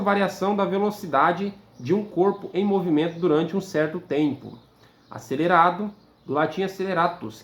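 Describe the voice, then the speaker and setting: Brazilian man reading definitions, echoey room. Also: on the high side. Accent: Brazilian Portuguese. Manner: measured, list-like reading with filler "é" hesitations. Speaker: teacher reading dictionary entries. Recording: echoey room, faint background noise.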